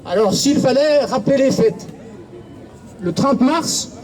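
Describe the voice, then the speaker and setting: A man's voice: very high-pitched, animated, unhurried, a little mellow, a little hiss or hum. A man speaking at an outdoor protest rally, orating formally and quoting writers. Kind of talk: speech at a street rally.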